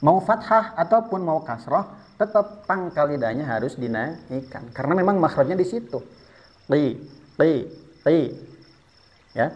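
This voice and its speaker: Guy teaching tajwid, kinda high voice, patient, shows how each sound goes, muffled lo-fi audio. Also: animated, moderate pace. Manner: patient, explains step by step, models sounds to repeat. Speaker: Quran recitation teacher. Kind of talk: tajwid lesson with spoken demonstrations. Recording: dull lo-fi sound.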